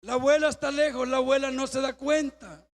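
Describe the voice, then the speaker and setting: A man preaching a sermon, telling a story and acting out its dialogue with bursts of shouting. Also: very high-pitched, level tone, fairly quick. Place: church.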